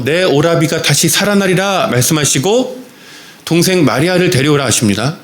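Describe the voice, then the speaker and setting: A male pastor preaching a sermon in a church, telling a story with repeated phrases and a few fillers. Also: fairly high pitch.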